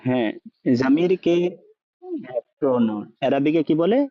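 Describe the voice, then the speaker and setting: Here the man leading a language class speaks at medium pitch and a moderate pace, in an animated way. He questions students, checks their understanding, and uses English words, with no room sound and a dull lo-fi quality.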